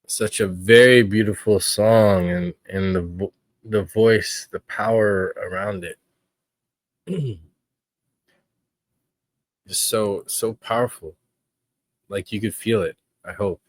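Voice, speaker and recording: Guy with a real deep voice doing his podcast, earnest and thoughtful, lots of pauses, dry close sound. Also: fairly even intonation, no room sound. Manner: earnest, reflective, with frequent pauses. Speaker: podcast host. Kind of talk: casual podcast commentary.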